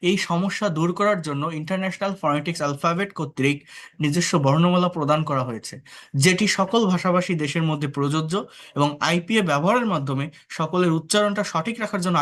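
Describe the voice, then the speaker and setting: A man from Bangladesh teaches English online, speaking fast in a slightly high, fairly bright voice. Patient in his explanations, he asks the class rhetorical questions and mixes English words throughout.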